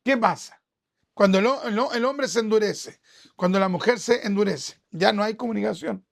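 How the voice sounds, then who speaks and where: Preaching at a church service, a man speaks with a Chilean accent in a gravelly voice that sits high, moving at a moderate pace. He chats with the congregation conversationally, firing off a string of rhetorical questions.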